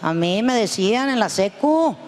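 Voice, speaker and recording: A woman's voice: medium pitch, expressive, normal speed, a little mellow, pitched below the performer's own voice, close to an everyday voice. Woman doing a bragging crude Mexican guy. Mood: boastful. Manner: swaggering, crude. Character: boastful crude man bragging to friends.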